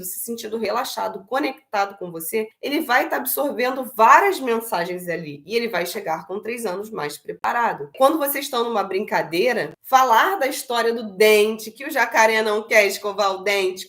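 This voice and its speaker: A woman talking through parenting advice, breaking into playful high voices to act out what to say to a child. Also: a bit bright. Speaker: parenting educator.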